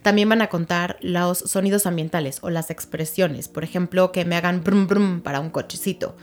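At a moderate pace and in a lowish voice, a woman speech therapist who works with children explains things in an interview. She's patient, gives examples, and checks whether her listener follows.

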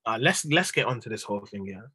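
This Chelsea fan sits on a football podcast panel, a young Londoner whose urban street slang colours his exasperated rant amid laid-back football banter. His lowish voice is animated, husky, pushed and bright, and he talks quickly. The studio-quality recording has no echo.

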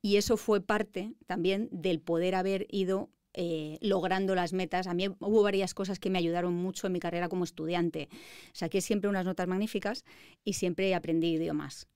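A woman's voice: lowish voice, fairly even intonation, normal speed, a little mellow, clean tone, no room sound, clean studio sound. Confident Spanish woman in her fifties. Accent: Madrid Spanish. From Spain. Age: 50s. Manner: confident, articulate storytelling. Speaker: guest, lawyer. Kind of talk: interview conversation.

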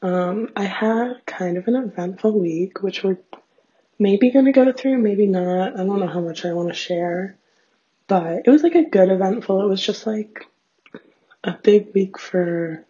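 A young adult woman with a raspy voice and vocal fry, chatting casually in a rambling, self-deprecating solo diary full of fillers. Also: mid-range voice, a little slow, dark tone. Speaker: host of a personal audio diary. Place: small bathroom at home, sitting on floor. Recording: dull, lo-fi home recording.

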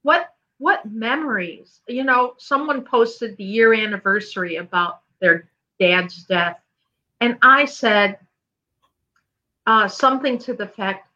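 A woman grief coach co-hosting a chat show, speaking in a gentle, careful, reflective way. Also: mid-range voice, highs cut off. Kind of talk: casual conversation.

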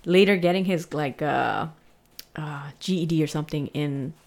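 A woman with a low voice, a moderate pace and vocal fry speaks with a slight Spanish-influenced accent. She co-hosts a casual true crime podcast, telling the story in a chatty way full of fillers.

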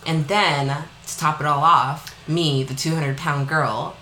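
A woman's voice: low voice, fairly even intonation, measured pace, pushed and bright, roomy sound, a little hiss or hum, poor audio. A young woman telling a story in casual chat, blunt and dry.

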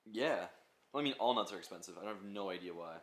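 A man's voice: on the low side, lively intonation, fast talker. Rambling young man in a roomy room. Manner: rambling, swears freely, lists things off. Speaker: podcast co-host. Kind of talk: casual chat. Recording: roomy echo.

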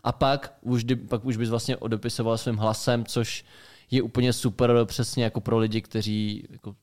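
A young man co-hosting a casual tech podcast, relaxed and chatty, trailing off into fillers and restarts. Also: mid-range voice. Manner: relaxed, many fillers and restarts, quick reactions. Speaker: podcast co-host.

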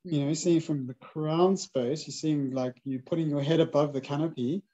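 A man hosts a gentle spiritual conversation, talking earnestly and agreeing often. His voice sits fairly high, with a warm, mellow tone. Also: steady tone, normal speed, muffled recording. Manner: soft affirming backchannels, earnest. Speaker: podcast host.

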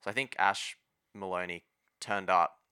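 Man, Australian accent, low-pitched, forward bright tone, colloquial sports podcast chat. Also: fairly even intonation, moderate pace, clear, resonant tone. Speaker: podcast co-host.

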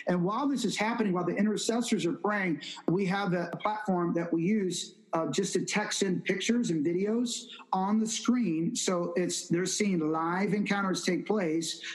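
High-voiced man telling a testimony. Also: normal speed, low-quality recording. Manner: animated storyteller who acts out quoted speech; repetitive, emphatic phrasing. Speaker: evangelist guest. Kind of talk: testimony storytelling in an interview.

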